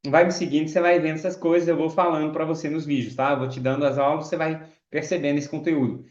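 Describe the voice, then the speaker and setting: French male teacher, slow repeated drills, a bit high, roomy dull recording. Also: little pitch movement. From France. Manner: slow, drawn-out model phrases, repeated drills. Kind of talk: pronunciation lesson.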